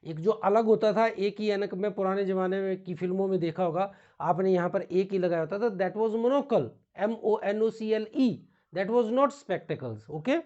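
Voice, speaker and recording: Slow, mellow Indian man teaching. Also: sits high, muffled recording. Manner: slow, explains in Hindi mixed with English, counts and spells things out. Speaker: English teacher. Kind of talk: classroom grammar lesson.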